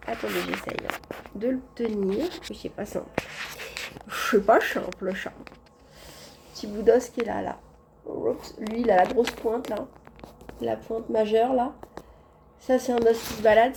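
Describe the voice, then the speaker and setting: A woman chats straight to her viewers in a casual vlog, talking into a phone she holds herself in a hospital room. Her voice sits a little high but sounds mellow and soft, with faint noise in the background. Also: fairly even intonation, normal speed, long pauses. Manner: chatty, addresses viewers directly. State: tired after anesthesia. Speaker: vlogger. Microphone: phone held in hand.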